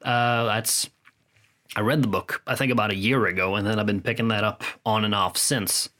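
Man rambling in a low voice. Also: steady tone, normal speed, bright, forceful tone. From Norway. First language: Norwegian. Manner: rambling, frank, swears freely, many restarts. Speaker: podcast host. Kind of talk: casual solo monologue.

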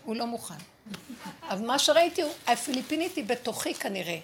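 A woman's voice: a little high, lively intonation, noisy background. A woman giving a spiritual lesson to a group, talking emphatically and acting out prayers and dialogue. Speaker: spiritual teacher.

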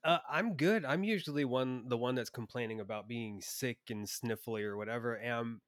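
A man's voice: medium pitch, normal speed, no echo. Easygoing man co-host, dry close sound. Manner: laughing, loose storytelling with fillers. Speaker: podcast co-host. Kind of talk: casual chat.

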